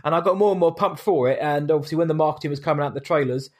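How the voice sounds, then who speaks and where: A man's voice: fairly high pitch, rapid-fire, darkish tone. A man co-hosting a podcast in a laid-back, matey, rambling way. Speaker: podcast co-host. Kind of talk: casual podcast chat.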